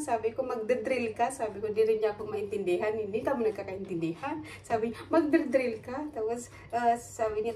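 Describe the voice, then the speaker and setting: A woman's voice: mid-range voice, dark tone. A woman from the Philippines, chatting casually to viewers at home and retelling a neighbor encounter with quoted dialogue. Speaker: vlogger. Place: home in Sweden, kitchen. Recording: distant home mic, faint ambient noise.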